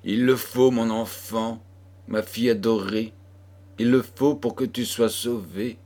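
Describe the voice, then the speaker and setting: A man voicing a troubled mother who speaks gravely and sorrowfully to her daughter, in an audiobook. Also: mid-range voice, steady tone, unhurried, mellow, close to an everyday voice. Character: grieving, troubled mother with a dark secret.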